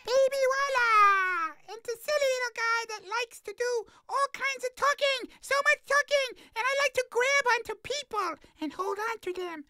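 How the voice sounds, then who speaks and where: A man voicing a silly, talkative little male robot in a cartoon, with a squeaky voice. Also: lively intonation, normal speed, sharp tone, dry recording, studio quality, exaggerated voice. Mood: giddy. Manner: hyper and talkative.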